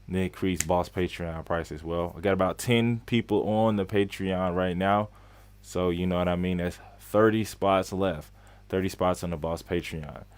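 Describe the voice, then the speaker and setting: A young man in his late twenties runs a casual live-stream question session, talking in a loose, chatty way and repeating key phrases. His voice sits fairly low, and the sound is close and dry with no room around it. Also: no echo. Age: 20s. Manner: greets viewers by name mid-flow. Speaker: skate coach and live-stream host.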